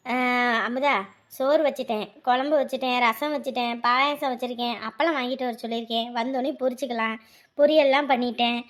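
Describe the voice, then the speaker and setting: Actress as fussing elder sister-in-law, high bright voice, bustling and chatty. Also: female voice, fairly even intonation, brisk, lightly acted. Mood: busy. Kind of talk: web drama acting.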